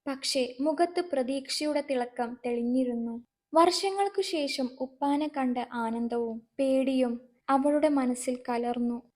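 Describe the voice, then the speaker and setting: A woman narrating a dramatic family story in a steady, scripted storytelling read. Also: sits high, a little slow.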